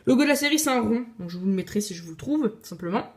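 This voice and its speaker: A woman's voice: medium pitch, expressive, very fast. A woman casually showing her card collection on video, chatty and opinionated, with frequent hesitations. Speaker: video creator.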